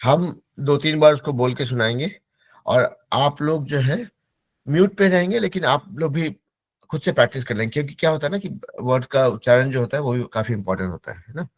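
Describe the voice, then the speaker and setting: A man's voice: mid-range voice, no room sound. Patient male teacher drilling English words. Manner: patient, repeats words slowly for pronunciation drill. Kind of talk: online class instruction.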